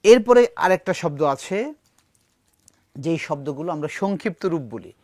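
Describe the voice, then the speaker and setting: A man's voice: a little high, animated, darkish tone, no room sound. A man teaching a recitation class, explaining words and quizzing his students. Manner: explanatory, asks students questions, recites verse slowly. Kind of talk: classroom lesson.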